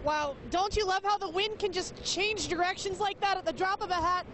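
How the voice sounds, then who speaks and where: Very high woman reporter in loud wind. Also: brisk. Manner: urgent, emphatic warnings. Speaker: field news reporter. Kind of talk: live storm report. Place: outdoors in a dust storm. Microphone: handheld microphone. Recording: noisy windy outdoor live report.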